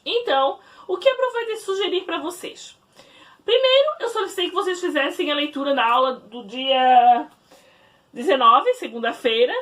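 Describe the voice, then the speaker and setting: A woman teacher talks children through a lesson she is recording at home. She explains slowly and keeps checking that they follow. Her voice is high and very lively, and she sits some way back from the microphone. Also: distant mic. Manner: warm didactic, explaining slowly to children with frequent "né?". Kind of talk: recorded remote class lesson.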